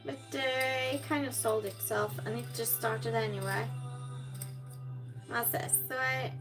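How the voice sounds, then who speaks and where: Music plays as a live streamer cooks indoors at home, chatting casually and rambling; she reads viewer comments out loud and replies. She isn't a native English speaker, and her slightly high voice is unhurried with fairly even intonation.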